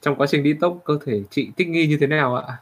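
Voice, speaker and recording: A man co-hosting a casual live chat, teasing and jumping in with quick remarks. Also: a little high, husky. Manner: teasing, quick back-and-forth interjections. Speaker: co-host.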